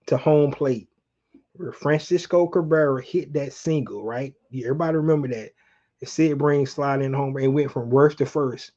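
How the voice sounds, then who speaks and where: A middle-aged sports livestream host from Atlanta, Georgia, reminisces about sports in casual, colloquial fan chat, speaking directly to viewers. His voice is a little high and dark, and the recording cuts off the highs.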